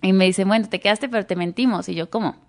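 Young woman, Mexican Spanish accent, actress guest, lively storytelling, acts out the voices of people she quotes. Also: medium pitch, quick pace. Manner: animated, acts out quoted dialogue. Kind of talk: casual interview storytelling.

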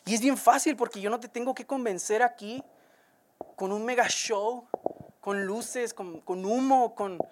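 A woman's voice: fairly high pitch, unhurried. A woman preaching a sermon, speaking earnestly and directly to listeners and repeating words as she builds each point.

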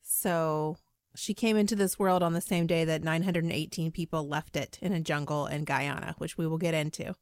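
A woman's voice: sits low, moderate pace, no room sound, clean studio sound. A middle-aged woman hosting a podcast, chatting casually and laughing with a friend. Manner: chatty, laughing, lively emphasis. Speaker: podcast host.

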